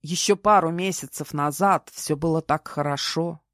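A woman reading an audiobook voices a distraught middle-aged man who talks slowly and heavily, full of self-reproach. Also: deep voice, no echo, clean studio sound, lightly acted. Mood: despairing. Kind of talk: audiobook character voice.

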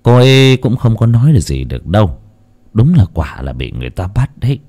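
A man doing a solemn, low-voiced old monk. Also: big pitch swings, warm tone. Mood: calm. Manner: slow, measured, solemn chanting tone. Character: calm elderly male Buddhist monk.

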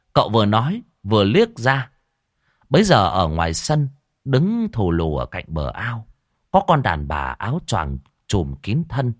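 A man narrating a ghost story audiobook with lively, expressive storytelling. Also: lowish voice, dry recording, clean studio sound.

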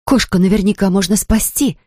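Brief: a woman narrator doing a shy nurse, soft and unsure, close and dry. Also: medium pitch, fairly quick, breathy edge, no echo, close to an everyday voice. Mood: urgent. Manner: hesitant.

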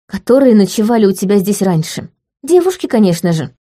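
Brief: woman reading a prickly, jealous young heroine, mellow voice, audiobook. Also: medium pitch, lively intonation, brisk, natural voice. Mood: indignant. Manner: indignant, defensive. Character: young orphan girl, a proud, jealous student. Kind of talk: audiobook character voice.

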